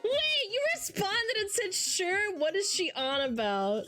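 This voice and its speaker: This nasal-voiced woman's pitch is very high and swoops wildly as she jokes with her livestream audience, reading comments, teasing playfully and laughing often. She talks a little slowly in a bright, forceful tone over faint background music.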